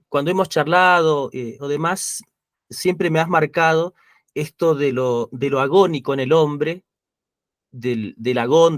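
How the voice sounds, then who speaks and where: A man's voice: on the high side, no room sound, studio quality. A man hosting a philosophical conversation, musing aloud and often agreeing briefly. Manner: agreeable, musing, frequent short assents.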